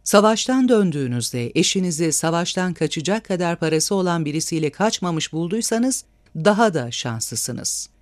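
A man shouting as a fiery bearded street agitator. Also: a little high, very animated, moderate pace, dry recording, clean studio sound. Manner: shouting, rousing.

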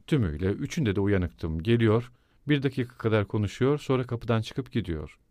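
A man's voice: lowish voice, expressive, normal speed, darkish tone, no room sound, studio quality, close to an everyday voice. A man voicing a brooding, eerie, absent-minded middle-aged landowner in an audiobook reading, with a musing, rambling delivery.

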